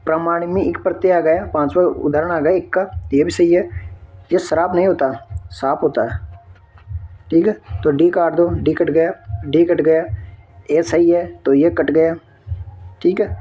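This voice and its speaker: Husky-voiced man tutoring exam answers. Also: on the high side, fairly even intonation, normal speed, lo-fi sound, faint music behind. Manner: explains step by step, often checking in with "ठीक है". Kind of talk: answer key walkthrough.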